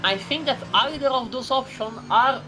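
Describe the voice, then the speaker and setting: Excitable female sim racing commentator. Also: high-pitched, moderate pace, music in the background, rough recording. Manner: chatty, rambling, excitable exclamations. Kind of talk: live race commentary.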